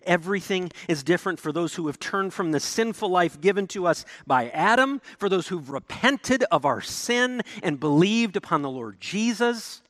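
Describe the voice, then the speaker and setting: A man preaching a sermon as pastor, animated, swinging between emphatic declarations and low, quiet lines. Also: moderate pace, hardly any pauses, no room sound, clean studio sound.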